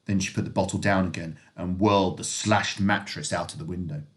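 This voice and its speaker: A male teacher reading a novel aloud to his class, expressive and lively, with occasional slips. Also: low voice, brisk.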